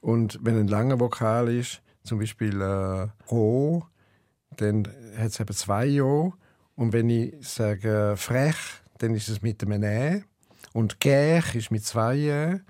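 A poet with a St. Gallen Swiss German accent, talking thoughtfully in an interview and hesitating often. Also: male voice, medium pitch, slow pace, darkish tone, no echo, clean studio sound. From eastern Switzerland. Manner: rhythmic, chanting recitation when reading poems. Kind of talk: interview and poetry reading.

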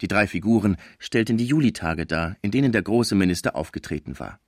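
A man reading a classic novel aloud as scripted narration in an expressive storytelling manner. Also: fairly low pitch, brisk, no echo, clean studio sound. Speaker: audiobook reader.

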